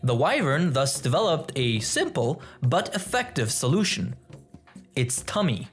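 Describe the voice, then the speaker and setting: Guy doing nature documentary narration, medium pitch, formal measured explainer delivery, reading a script. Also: very animated, faint music behind.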